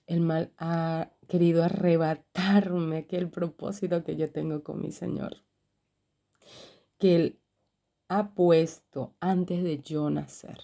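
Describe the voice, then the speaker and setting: A middle-aged woman speaks slowly in a low, even voice, sharing an earnest religious testimony. Her tone is very dark and mellow, and she repeats key phrases for emphasis. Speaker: religious video creator.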